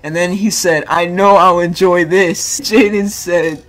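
Young streamer, laughs a lot, slow talker, casual slang, faint music underneath. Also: mid-range voice, steady tone. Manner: giggly, breaks into laughter often. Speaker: gaming streamer. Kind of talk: casual gaming commentary, reading chat messages aloud.

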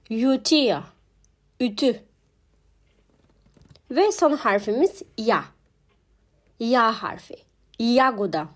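A young woman teaching a language alphabet lesson, pronouncing each word slowly and repeating it twice. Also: fairly high pitch. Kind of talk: slow spoken alphabet lesson.

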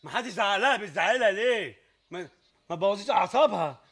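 A man with an Egyptian accent, soothingly and ingratiatingly trying to calm a quarrel, repeating himself. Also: high-pitched, fast talker. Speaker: prank participant.

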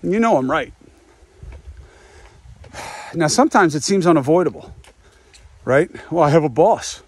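A podcast host in his fifties walks outdoors, musing aloud in a reflective monologue peppered with rhetorical questions. His voice is fairly high and husky, animated, and moves at a normal speed.

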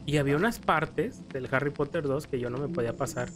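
Briskly and in a mid-range voice, a young man with a Mexican accent chats casually over gameplay while game music plays. He's a stammering, rambling storyteller who acts out scared quotes.

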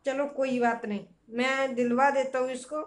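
A man's voice: extremely high pitch, flat delivery, moderate pace, voice pushed down. A young man playing a stern, stingy father who nags and scolds his son in a comedy sketch. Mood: defensive. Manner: nagging, scolding.

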